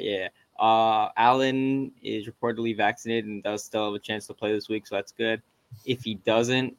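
A man's voice: lowish voice, dry recording, rough recording. A man co-hosting a podcast, talking sports in a casual, conversational way. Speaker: podcast co-host.

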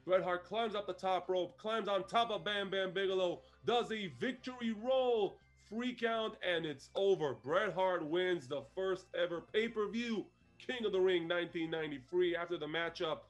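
A man casually recapping an old wrestling show as podcast co-host, animated and laughing often. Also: high-pitched, moderate pace, few pauses.

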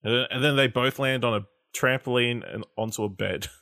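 A man co-hosting a casual podcast chat, relaxed and low-key with dry humour. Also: fairly quick, no echo. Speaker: podcast co-host.

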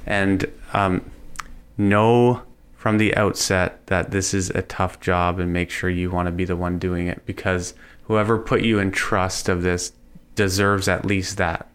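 Low-voiced Canadian podcast host talking informally. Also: male voice, level tone, measured pace, smooth. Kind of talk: conversational podcast discussion.

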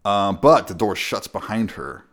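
A man's voice: lowish voice, sing-song, measured pace, fairly bright tone. A man co-hosting a podcast, casually recapping a film, laughing often and swearing now and then. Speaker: podcast co-host.

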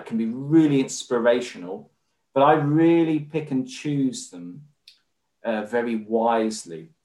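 A man with an English accent, a podcast guest talking in a measured, formal way with many fillers. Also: medium pitch, darkish tone. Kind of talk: conversational interview. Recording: roomy echo.

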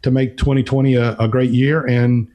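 A man giving unscripted podcast commentary, thinking aloud in a halting way with repeated words. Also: medium pitch, flat delivery, warm tone. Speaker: podcast's featured financial commentator.

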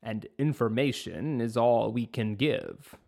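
Aged wizard read by a man, measured, somber delivery. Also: medium pitch, gravelly, darkish tone. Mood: grim.

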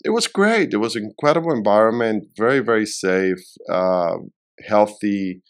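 A middle-aged man from Venezuela answering interview questions in a halting way, often repeating words while he searches for them. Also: fairly low pitch, animated. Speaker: real estate developer, guest.

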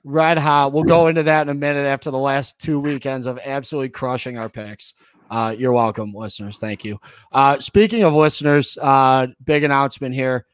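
A man's voice: mid-range voice, a little fast, clean tone, no echo. An American man hosting a casual sports podcast, emphatic and repeating phrases for effect. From United States. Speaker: podcast host.

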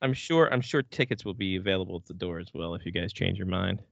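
A man's voice: low-pitched, fast talker, vocal fry, no room sound. A man hosts a casual sports podcast in a bro-ish, slangy way, swearing freely. His voice sits in a middle register. The audio is dry and a little dull. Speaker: hockey podcast host. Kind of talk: casual profane sports banter.

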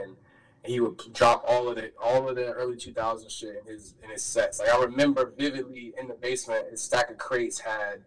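A young man from Richmond, Virginia, guesting on a podcast, calm and reflective as he talks. His voice is mid-pitched and sounds somewhat far from the mic. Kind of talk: casual podcast chat.

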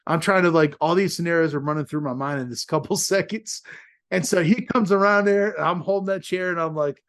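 A man in his thirties hosting a podcast, telling a story in a casual, animated way, laughing often and acting out what people said. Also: a little high, a little fast. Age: 30s. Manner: animated, laughs often, acts out quoted lines. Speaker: podcast host.

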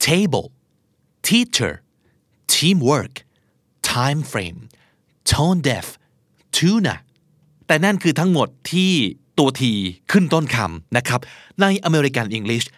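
A man hosting a podcast, teaching pronunciation by slowly repeating words and example sentences. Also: a little high, animated, dry recording, studio quality. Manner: slow, clearly drilled word repetitions.

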